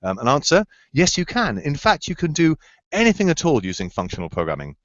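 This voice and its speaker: A man's voice: a little high, wildly swooping pitch, a little fast, dry recording. Man explaining over a video call. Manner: enthusiastic, searching for words with fillers and restarts. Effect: heard over a video call. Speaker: computer science researcher answering student questions. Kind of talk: explanatory answers in a remote Q&A. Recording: slightly dull, dry video-call audio.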